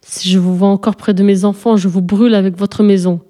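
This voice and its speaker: A woman's voice: medium pitch, steady tone, brisk, warm tone, lightly acted. A woman narrator voicing an angry, threatening father in a storybook, speaking through clenched teeth. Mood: menacing.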